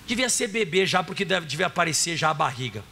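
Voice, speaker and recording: A man's voice: fairly high pitch, big pitch swings, fast talker, gravelly, bright, forceful tone. A Brazilian man preaching a sermon as pastor, rising and dropping dramatically and acting out quoted voices. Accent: Brazilian Portuguese. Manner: preaching with dramatic rises and drops, acting out God's voice.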